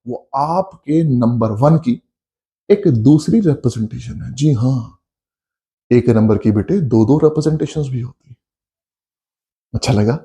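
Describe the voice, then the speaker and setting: A middle-aged man teaching a math lesson, coaxing his students along and acting out their questions. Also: a little high. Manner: lively, coaxing, addresses students as beta, acts out their questions. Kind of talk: coaching class lecture.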